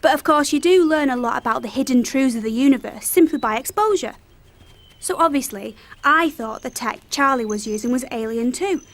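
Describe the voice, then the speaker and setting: A woman's voice: high-pitched, animated, brisk. An actress playing an earnest, self-assured woman in an audio drama, explaining odd beliefs with matter-of-fact certainty. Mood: know-it-all, earnest.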